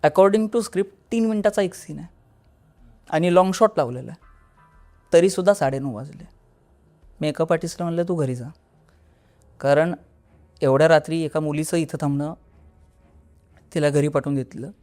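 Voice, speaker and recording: A man with a Marathi accent recounts a real haunted experience as a podcast guest. His voice sits fairly high, and he drops it low and quiet when he acts out what people said. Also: moderate pace, long pauses, faint music behind. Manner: storytelling, acting out dialogue in a lowered voice. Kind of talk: telling a horror experience.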